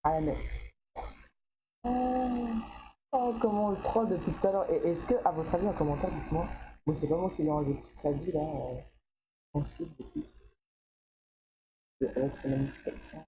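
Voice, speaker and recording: A young man giving excited commentary over his own gameplay as a gaming YouTuber, swinging between loud yelps and low mumbling and swearing often. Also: normal speed, long pauses, noisy background.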